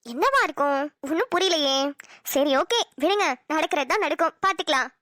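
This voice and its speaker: A woman's voice: sits high, lively intonation, a little fast, sharp tone, dry recording, clean studio sound. A woman voicing a cheerful, teasing college-age daughter in a cartoon, talking in a chirpy voice. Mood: gentle. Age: young adult. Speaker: voice actor. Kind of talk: cartoon dialogue acting.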